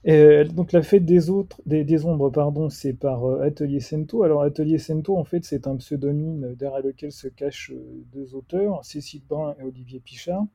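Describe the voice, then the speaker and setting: Man, husky voice, dry close sound, hesitant comics chat. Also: fairly high pitch, steady tone, moderate pace, few pauses, mellow, dry recording. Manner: hesitant, many fillers. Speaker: comics reviewer. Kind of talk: casual radio chat.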